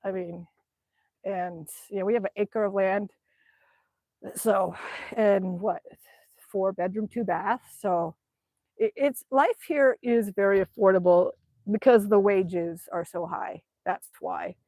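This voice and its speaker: This livestream host, a middle-aged woman from Alaska, takes her time, speaking slowly in a mid-range voice with a dark tone. Out in the snow, she casually reads chat messages and replies to them. There's no echo on the recording.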